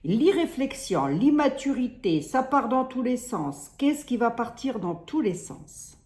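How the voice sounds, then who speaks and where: A woman's voice: fairly high pitch, big pitch swings, unhurried, a little mellow, roomy sound. Rambling woman with a Lorraine accent. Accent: Lorraine French. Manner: rambling, hesitant, full of restarts and "hein". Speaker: tarot reader. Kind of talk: casual card reading monologue.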